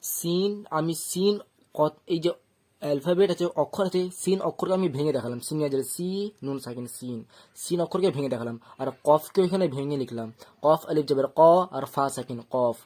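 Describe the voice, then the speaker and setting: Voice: mid-range voice, fairly quick, darkish tone. Patient Quran teacher stretching letter sounds. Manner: patient, explaining step by step; draws out letter sounds at length when reciting. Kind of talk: online lesson on Quran letters.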